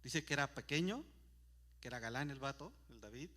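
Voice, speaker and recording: A man's voice: mid-range voice, expressive, brisk, pushed and bright. A man preaching a sermon in a church, reading scripture aloud with emphasis and asking rhetorical questions. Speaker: pastor.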